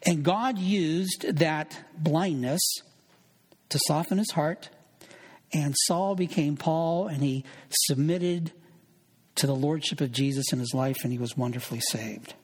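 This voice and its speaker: A man's voice: on the high side, moderate pace, husky, long reverb tail. A man preaching an earnest sermon as pastor, reading scripture aloud and quoting its figures in his own voice.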